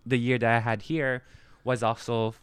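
A man's voice: mid-range voice, level tone, normal speed, clear, resonant tone, dry recording. A young man talking casually in an apartment, rambling with lots of fillers and restarts. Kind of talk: casual chat.

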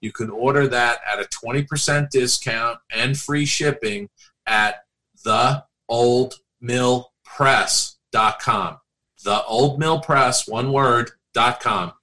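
Bright-voiced man, rambling interview guest. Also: mid-range voice, slow pace, poor audio. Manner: rambling, many fillers and restarts. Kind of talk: casual interview chat.

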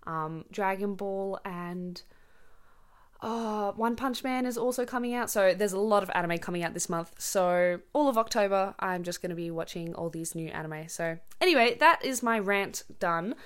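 A woman's voice: medium pitch, normal speed, fairly bright tone, smooth. A young woman hosting a casual podcast, rambling with many ums and stopping to explain words simply. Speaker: podcast host. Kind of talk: casual chatty monologue.

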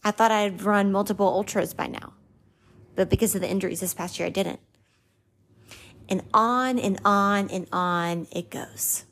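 A woman in her twenties hosts a podcast, giving a personal monologue on gratitude and faith in an earnest, confessional way, voicing her own doubts in a mocking lilt. Her voice is mid-range and fairly bright, with fairly even intonation at a normal speed.

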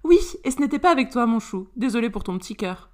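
A woman reading a story aloud, voicing a stylish, sharp-tongued young woman who teases the others with playful, mocking banter. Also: on the high side, expressive, fast, lightly acted. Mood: teasing.

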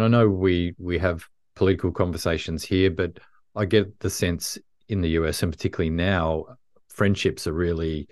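A podcast host with a low, darkish voice conducts an interview, asking curious questions that often halt and start over. The recording is dry and has a clean studio sound.

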